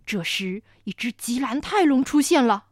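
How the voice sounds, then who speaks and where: A woman telling a children's story with sound effects and dramatic pauses. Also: fairly high pitch, lively intonation, dry recording, studio quality.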